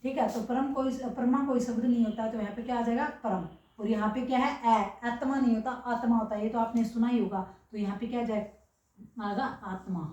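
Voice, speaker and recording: A woman's voice: on the high side, fairly even intonation, brisk, a little mellow, highs cut off. Echoey teacher woman asking questions. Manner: repeats rhetorical questions, checks understanding often. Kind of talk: classroom grammar lesson. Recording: echoey room, voice from far off.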